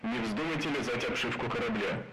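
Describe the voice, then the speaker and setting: A male narrator voicing a charismatic starship captain whose distorted voice comes over the ship's loudspeakers in a formal announcer tone with dry jokes. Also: mid-range voice, fairly quick, heavy background noise. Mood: announcing. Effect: distorted voice over ship loudspeakers. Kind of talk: audiobook narration with acted voices.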